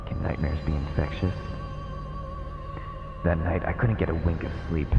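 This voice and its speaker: Narrating a horror visual novel on stream, a man reads with an ominous, dramatic delivery in a low, creaky voice. The sound is reverberant and muffled, mixed with the game's music.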